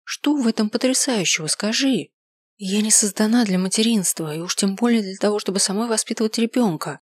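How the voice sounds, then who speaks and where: A woman's voice: medium pitch, a little fast, no echo, lightly acted. A woman voicing a distraught young woman who speaks in a strained, tearful, raised voice. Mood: distraught, angry.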